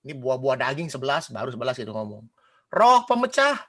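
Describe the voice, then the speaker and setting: A man preaching a casual sermon, animated, quizzing the congregation and mimicking gossiping people. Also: mid-range voice, rapid-fire, slightly rough.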